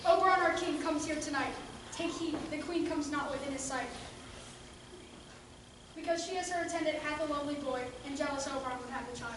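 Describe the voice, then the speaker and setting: A woman playing a mischievous fairy sprite in a stage play, speaking in a quick, high, eager voice from far off in an echoey hall. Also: background noise, natural voice.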